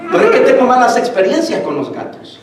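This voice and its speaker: Pastor, male, animated sermon delivery; recorded from afar in a big reverberant hall. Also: very high-pitched, fast talker, a crowd in the background. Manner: animated preaching, addresses congregation as brothers. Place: church sanctuary. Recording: echoey church hall from far off.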